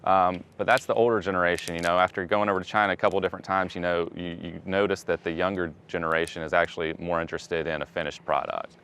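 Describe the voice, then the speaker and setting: Man, very deep voice, relaxed, slightly hesitant, faint noise. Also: fast, few pauses. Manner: relaxed storytelling, some hesitation. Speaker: pecan grower. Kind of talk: interview sound bite.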